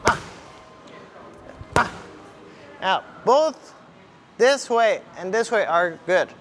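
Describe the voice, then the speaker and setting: This young male kickboxing coach has a high-pitched, animated voice and takes things slowly, talking while he demonstrates punches. He gives short instructional cues inside a big indoor MMA gym, where ambient noise comes through clearly.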